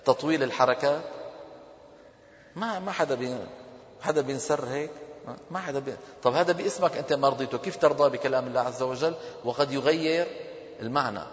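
A man's voice: mid-range voice, fast, long pauses. A man giving a classroom lesson, asking his students questions and answering them himself. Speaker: teacher of Quran recitation. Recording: dull echoey hall recording.

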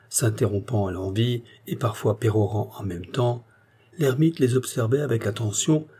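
A man narrating a short story in a calm, measured manner. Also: medium pitch, breathy edge. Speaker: audiobook narrator.

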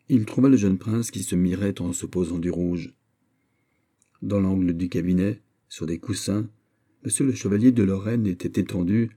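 A man narrating a classic novel in a steady, even storytelling manner. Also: low voice, slightly rough. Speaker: audiobook narrator. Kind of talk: scripted narration.

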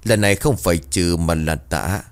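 A man voicing a calm ritual master chanting. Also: deep voice, clear, resonant tone. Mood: solemn. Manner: solemn, measured chanting of prayers. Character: calm middle-aged male ritual master.

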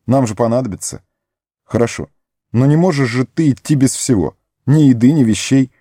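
A man voicing a weary, resolute young male hobbit in an audiobook, earnest and gently firm. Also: mid-range voice, normal speed, no room sound, clean studio sound, voice pushed up, lightly acted. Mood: fond. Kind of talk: audiobook character voice.

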